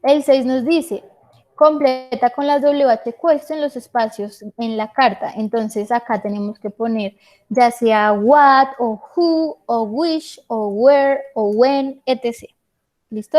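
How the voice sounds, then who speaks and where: Woman, English teacher, patient online class, quizzes students, fairly high voice. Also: darkish tone. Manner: patient, checks understanding with questions.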